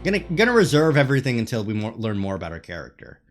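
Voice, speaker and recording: A game streamer chats casually and irreverently in a medium-pitched, very animated voice. Loud game music plays behind the commentary. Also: rapid-fire. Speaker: streamer playing a visual novel game.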